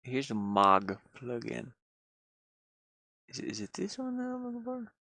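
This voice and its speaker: Pushed and bright, his medium-pitched voice swings hugely up and down as he talks a little slowly. He's a livestreaming gamer and hobby game developer living in a van, chatting unscripted from inside it, rambling and muttering to himself in colloquial, folksy language. The recording is dry.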